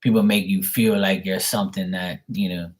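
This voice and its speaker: A husky-voiced man talks casually on a live tarot reading stream, blunt and opinionated, rambling and swearing freely. His voice sits low, with fairly even intonation at normal speed.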